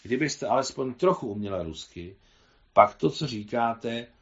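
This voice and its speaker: A man voicing a sharp, cheeky young actress who answers curtly and cuttingly, on a slightly dull recording. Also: mid-range voice, expressive. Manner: curt, cutting.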